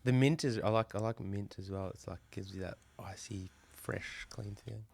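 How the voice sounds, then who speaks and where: A man's voice: on the low side, steady tone, normal speed, creaky, darkish tone, slightly rough. A man chatting as a podcast guest, easygoing and loose, full of "like" and "you know". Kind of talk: casual chat.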